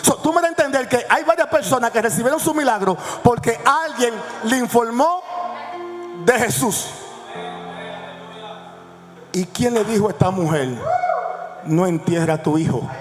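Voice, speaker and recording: A male pastor preaching a sermon, swinging between hushed lines and shouts and calling the congregation to repeat after him. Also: very high voice, moderate pace, long pauses. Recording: echoey hall with faint music.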